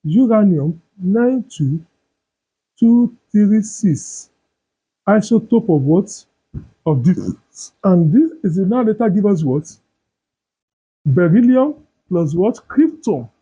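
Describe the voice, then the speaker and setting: A male teacher giving a chemistry lesson, asking questions and answering them himself, repeating terms slowly. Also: high voice, very animated, dark tone, breathy edge. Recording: dull lo-fi sound.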